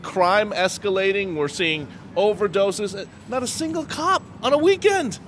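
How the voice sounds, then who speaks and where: A man gives pointed political commentary while standing on a city street. He speaks emphatically, building to indignant peaks, in a slightly high voice. Loud traffic noise fills the background. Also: animated, measured pace. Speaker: local commentator.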